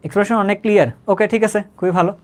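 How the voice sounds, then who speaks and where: Young male Bangladeshi tutor, quick patient delivery, repeats points and checks in often. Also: sits high, fairly even intonation. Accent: Bangladeshi Bengali. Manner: conversational, keeps checking if students understood; says he talks slowly, repeats himself. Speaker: chemistry teacher. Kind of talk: live online class.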